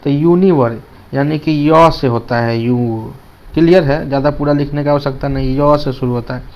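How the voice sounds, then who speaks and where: A man's voice: medium pitch, fairly even intonation, normal speed, dull audio. A man teaching a grammar lesson in Hindi with English terms, repeating key words and asking students rhetorical questions.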